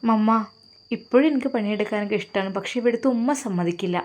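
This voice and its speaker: A woman voicing a gentle, devout young woman who speaks affectionately and softly to her mother-in-law. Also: mid-range voice, fast, close to an everyday voice. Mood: tender.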